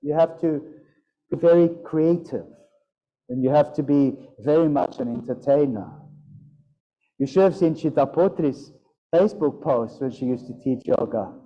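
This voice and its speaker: A man's voice: on the high side, normal speed. A man teaching a yoga and Sanskrit pronunciation class, playful and demonstrating sounds aloud. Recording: dull lo-fi sound.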